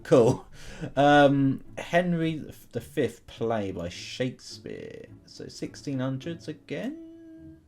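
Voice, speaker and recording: A male YouTube gamer casually comments while playing an online history quiz game, wondering aloud in questions and addressing his viewers. He speaks slowly in a medium-pitched, gravelly, slightly mellow voice with huge swings in pitch.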